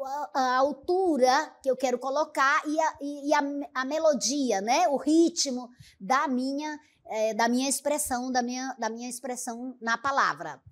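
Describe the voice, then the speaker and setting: A woman teaching a grammar lesson, reading examples aloud with exaggerated intonation and often checking in with the listener. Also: high voice. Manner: didactic, checks in with "né?" and "certo?".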